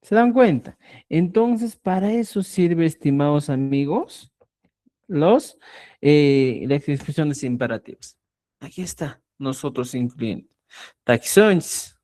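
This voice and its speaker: A teacher leads an online language lesson at an unhurried, deliberate pace. The pitch rises and falls expressively, and the teacher keeps stopping to ask whether the students are following. Points are explained with simple everyday examples. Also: animated, dark tone. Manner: keeps checking understanding with "¿ya?". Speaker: Quechua teacher.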